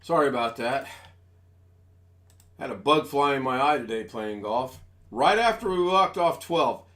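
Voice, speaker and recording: An American man in his sixties hosts a casual live stream from home on a desk USB microphone, rambling in a folksy, self-deprecating way. His medium-pitched voice is animated and a bit bright, at a measured pace.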